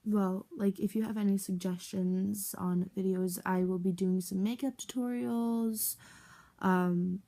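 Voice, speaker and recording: A young woman of about eighteen, from the United States, speaks in a mellow, softly dark voice as she talks through her life story at home. She is candid and halting, full of "um" and "like", stopping and restarting as she goes. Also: medium pitch, steady tone, gravelly. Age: young adult. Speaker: vlogger. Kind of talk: personal life story vlog.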